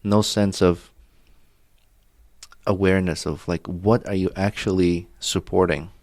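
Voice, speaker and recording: A man born in Azerbaijan co-hosting a podcast, talking in an opinionated, halting way with many restarts. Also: low-pitched, fairly even intonation, darkish tone, no echo, studio quality. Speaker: podcast co-host. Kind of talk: casual chat.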